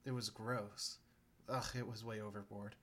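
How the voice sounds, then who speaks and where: A man's voice: lowish voice, little pitch movement, a little slow, sharp tone. A man voicing a young injured girl who is tired but blunt and teasing.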